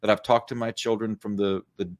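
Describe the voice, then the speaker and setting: A man's voice: fairly low pitch, level tone, a little fast. A middle-aged man co-hosting a church podcast, explaining ideas in a thoughtful, conversational way. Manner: thoughtful, explanatory, with many fillers. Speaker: podcast co-host, church coach. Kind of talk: casual podcast chat.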